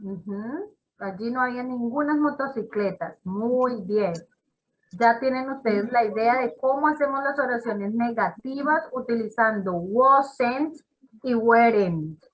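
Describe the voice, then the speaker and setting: Slow, encouraging woman teacher. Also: fairly high pitch, slight background noise, low-quality recording. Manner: encouraging, praises students by name; slow and explanatory, repeats examples. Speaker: English teacher. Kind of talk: classroom teaching.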